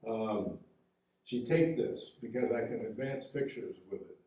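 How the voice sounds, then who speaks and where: A man presenting a local history talk on boat building, explaining slides in a halting, conversational way with fillers and restarts. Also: on the low side, mellow, far from the mic. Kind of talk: public history lecture with slides. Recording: echoey room, heard from afar.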